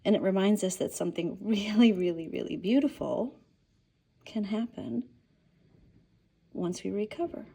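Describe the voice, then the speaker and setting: A woman's voice: medium pitch, normal speed, vocal fry, pauses often, mellow, slightly rough. A woman who runs a crystal shop, showing stones on a casual tour and talking with enthusiasm, sometimes dropping to a whisper. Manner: enthusiastic, drops to whispers now and then. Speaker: shop owner. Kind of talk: product showcase tour. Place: crystal and mineral shop, indoors.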